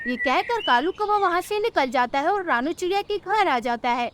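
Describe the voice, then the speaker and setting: A woman narrating a children's cartoon story in a plain, steady way. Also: very high voice, normal speed, noisy background.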